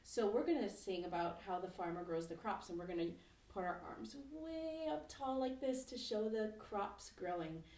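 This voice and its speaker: A woman music teacher leading a children's lesson at home, speaking gently and encouragingly and singing slow, simple verses. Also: medium pitch, animated. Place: home, kitchen nearby. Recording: roomy echo from a distance.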